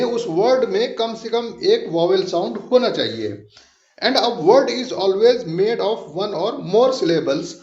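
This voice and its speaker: A man with a high voice explains a literature lesson patiently, going over each point again and slowing down for key terms. The recording is roomy and echoing, with a dull, lo-fi sound. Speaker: English literature teacher.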